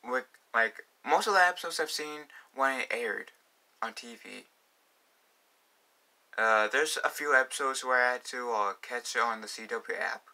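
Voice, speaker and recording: A man's voice: medium pitch, measured pace, bright, forceful tone. A young man talking casually in a fan vlog, rambling with many fillers and restarts. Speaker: vlogger.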